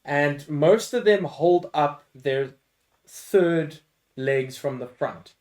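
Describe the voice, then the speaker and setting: Relaxed man explaining from his notes. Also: fairly high pitch, drawn-out words. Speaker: podcast co-host. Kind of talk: casual chat.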